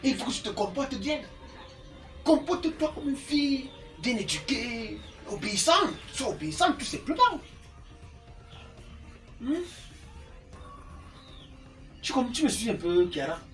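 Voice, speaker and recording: An actor playing a lecherous, manipulative middle-aged uncle, insistent and wheedling. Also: male voice, very high voice, very animated, measured pace, pauses often, fairly bright tone, full character voice. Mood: coaxing. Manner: insistent, wheedling, keeps tagging "hein?". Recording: distant mic with background music.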